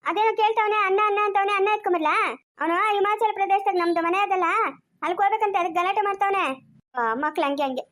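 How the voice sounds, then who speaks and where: A woman acting out a fussing village woman with a rural Chikkaballapur Kannada accent, who chatters, coaxes and scolds. Her voice sits very high and races along at a breakneck clip. The skit is an amateur village drama. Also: fairly bright tone. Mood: chatty. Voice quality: quick chattering, coaxing and scolding. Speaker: actor in a family village skit.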